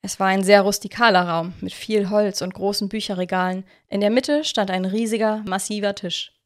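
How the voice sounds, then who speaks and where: A woman narrating a children's adventure story in a calm, even reading voice. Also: medium pitch, normal speed.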